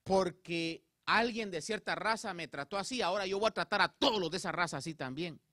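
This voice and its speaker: Preaching in Spanish, this man talks directly to his congregation and checks in frequently, his delivery lively and building in emphasis. His voice sits high and moves a little fast. The recording is studio quality with no room sound.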